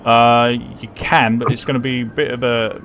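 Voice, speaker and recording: A man's voice: mid-range voice, flat delivery, moderate pace, a bit bright, slight background noise. A man running a tabletop game as game master, narrating in a hesitant way as if thinking aloud. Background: music.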